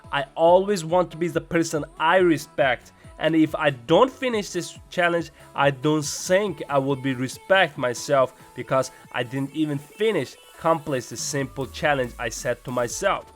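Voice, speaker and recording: A young man with a fairly high voice and a non-native English accent talks to his viewers in an earnest, encouraging way. It sounds like a personal fitness vlog, with music playing behind him. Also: fairly bright tone. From Uyghur region. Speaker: vlogger recapping a fitness challenge.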